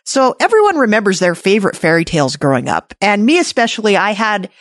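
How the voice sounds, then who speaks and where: A woman's voice: medium pitch, sing-song, fast, dry recording, clean studio sound. A woman hosting a casual recap podcast, chatty and playful, often restarting her sentences. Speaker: podcast host.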